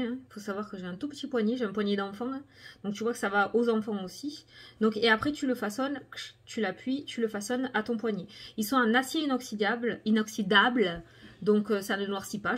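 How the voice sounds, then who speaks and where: Chatty woman showing bracelets. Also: medium pitch. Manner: chatty, many fillers, shows items to camera. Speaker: cartomancy video host. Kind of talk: casual product review chat.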